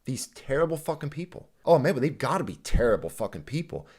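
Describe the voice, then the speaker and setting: A man delivers an angry, profanity-laced reaction rant. His pitch swings widely as he argues back at a clip. He sounds like he is hosting his own commentary channel. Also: big pitch swings, quick pace, darkish tone, slightly rough. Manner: heated, profane, ranting. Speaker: reaction video host.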